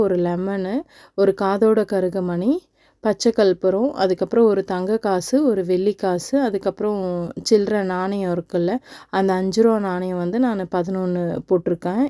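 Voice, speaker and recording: Young Tamil-accented woman hosting a home tutorial vlog, calm and unhurried, warm low-key voice. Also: dry recording, clean studio sound. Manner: calm explaining, chants mantras slowly. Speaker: vlogger. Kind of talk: step-by-step home ritual tutorial.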